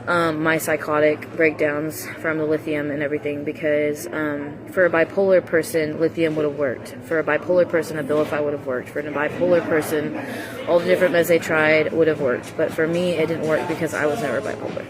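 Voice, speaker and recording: A woman's voice: low voice, level tone, a little fast, a crowd in the background. A young adult woman giving a rambling, confessional livestream monologue in a candid, emphatic and repetitive way, with blunt language. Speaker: livestream vlogger. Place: coffee shop, indoors. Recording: music playing behind the voice. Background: music.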